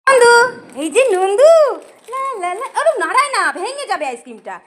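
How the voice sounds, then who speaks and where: A woman's voice: very high voice, sing-song, a little fast, heavy background noise. A woman talking to her toddler in playful, coaxing baby talk, teasing and singing. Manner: sing-song, coaxing and teasing. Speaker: vlogger talking to her child.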